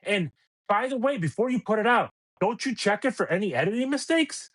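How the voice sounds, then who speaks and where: A middle-aged man hosts a podcast, ranting about sports radio and firing off exasperated rhetorical questions. His voice sits high and sounds fairly bright, expressive, and fairly quick.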